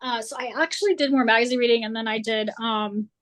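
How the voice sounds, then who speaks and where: A woman author talking as a guest in a casual conversation. She is slightly hoarse and chatty, rambling through her answers with lots of filler words. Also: a little high, fast talker, a bit bright.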